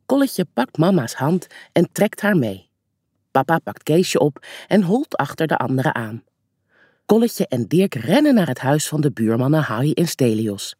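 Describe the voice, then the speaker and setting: Husky storyteller reading a kids book, very lively pitch, dry close sound. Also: normal speed, dry recording. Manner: expressive storytelling. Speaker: narrator.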